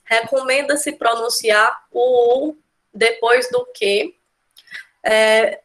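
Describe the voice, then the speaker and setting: With drawn-out words in a fairly high, slightly bright voice, a Portuguese teacher with a Brazilian accent runs an exam-prep grammar lesson. She explains step by step and frequently checks in using "né?" and "tá?"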